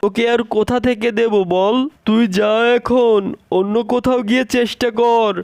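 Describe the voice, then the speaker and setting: A man's voice: extremely high pitch, little pitch movement, normal speed, creaky, darkish tone, clear, resonant tone, no echo, clean studio sound. A man voicing a stingy, rude male monkey in a cartoon, talking in a scornful, bossy way. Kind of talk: cartoon voice acting.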